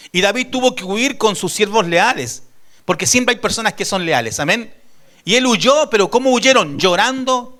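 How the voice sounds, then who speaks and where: A man preaching a sermon as pastor, emphatic, asking the congregation questions and swinging between raised and hushed delivery. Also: sits high.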